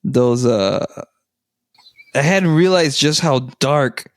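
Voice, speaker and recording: A man co-hosts a relaxed podcast, joking around and laughing as he talks. His pitch is middling, and the recording is dry and close to the mic. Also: slow pace, no room sound. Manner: jokey, laughing often. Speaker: podcast co-host. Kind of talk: casual chat.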